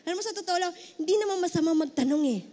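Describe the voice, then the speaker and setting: A woman's voice: very high voice, very fast, mellow. A middle-aged woman pastor with a Filipino accent preaching a heartfelt sermon, now and then breaking into song.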